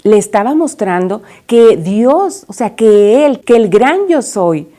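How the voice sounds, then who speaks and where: Mellow-voiced woman telling a Bible story. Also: a little high, sing-song, slow. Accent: Mexican Spanish. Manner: storytelling, asks the children questions. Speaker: children's Bible teacher.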